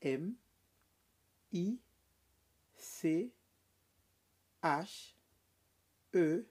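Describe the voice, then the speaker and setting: A male teacher leads a beginner French lesson at an unhurried, very slow pace. His voice is mellow and a little husky, and he repeats each letter twice with patient, deliberate care. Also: fairly high pitch.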